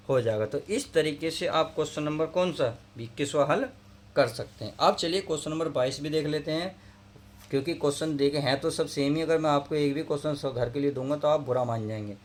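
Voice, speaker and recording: A male math teacher who explains each step and keeps asking his students questions. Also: fairly high pitch. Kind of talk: classroom lesson. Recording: faint background noise.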